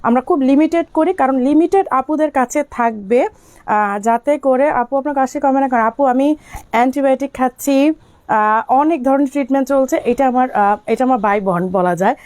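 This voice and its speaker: A young woman from Bangladesh, slightly hoarse and coughing from illness, chatting with viewers as she sells on a live stream and answers their comments. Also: high-pitched, darkish tone, no echo. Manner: speaks slowly to spare her voice. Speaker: online shop owner selling on a live stream. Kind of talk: live-stream sales talk.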